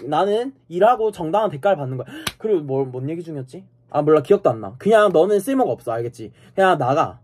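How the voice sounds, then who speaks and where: A man's voice: fairly high pitch, expressive, fast talker, hardly any pauses, darkish tone, slight background noise. A man streaming live, angrily and profanely ranting at his viewers and insulting them. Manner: repeats a challenging "eh?".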